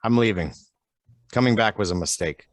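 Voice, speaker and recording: Casting: man reading an exhausted young man, low voice, slow and dry. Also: no room sound, lightly acted. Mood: weary. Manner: slow, tired and strained. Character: weary young man leaving home. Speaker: actor in a play reading. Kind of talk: online play reading. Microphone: video call.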